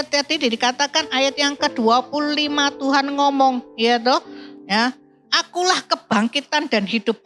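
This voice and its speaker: This is a woman delivering a sermon at a church service, reading scripture and explaining it verse by verse. Her voice sits a little high and rings bright and clear. Soft music plays faintly behind her. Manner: explaining, often adds "ya" and "Saudaraku". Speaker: preacher.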